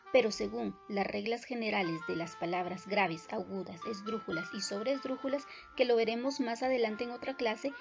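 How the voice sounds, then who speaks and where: A woman teaching a recorded lesson, explaining in a clear, measured way. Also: fairly high pitch, muffled recording.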